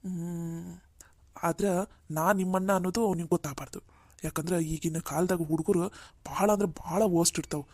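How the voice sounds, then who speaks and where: A woman's voice: fairly low pitch, fairly even intonation, a little fast, dark tone, no room sound, lightly acted. A woman voicing a firm, caring older brother in a cartoon, who reassures his sister again and again. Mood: reassuring. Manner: firm, reassuring, repeats "all right?". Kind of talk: cartoon voice acting.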